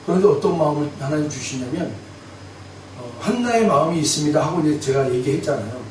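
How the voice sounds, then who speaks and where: A male pastor tells a personal story during a sermon and acts out each person's words as he goes. His voice sits a little high, and it rings through a very echoey church hall. He is picked up from a distance, with faint noise in the room. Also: quick pace. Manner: animated storytelling, acts out dialogue. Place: church sanctuary.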